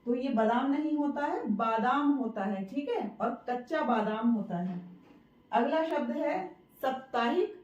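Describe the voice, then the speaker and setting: A woman's voice: sits high, expressive, a little slow, mellow. A woman hosting her channel and teaching spelling, patiently saying each word again and asking and answering her own questions. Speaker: Hindi teacher and channel host. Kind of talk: spelling lesson to camera. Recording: roomy, distant, dull sound.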